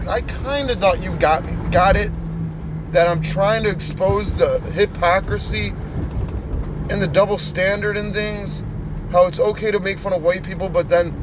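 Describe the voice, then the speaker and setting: A man's voice: high-pitched, background noise. A man ranting in a confrontational, profane vlog, addressing someone directly. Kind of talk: angry rant vlog.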